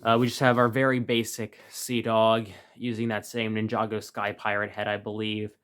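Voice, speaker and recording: A man's voice: lowish voice, monotone, normal speed, fairly bright tone, slight background noise. Chatty man reviewing a toy set. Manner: chatty, rambling with fillers and restarts. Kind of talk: casual product review. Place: his room.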